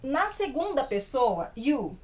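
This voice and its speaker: A woman with a Brazilian Portuguese accent teaching English grammar at a whiteboard, patiently checking in with her students and slowing down to spell out the English examples. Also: high voice, very animated, a little hiss or hum. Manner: patient, checks in often with tag questions.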